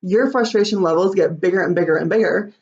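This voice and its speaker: A woman's voice: on the low side, fast talker, a little mellow, highs cut off. A woman in her thirties, a parenting coach, talking casually about her own day with lots of "like" and "um". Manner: chatty, many fillers like "like" and "um". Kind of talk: casual personal talk to camera.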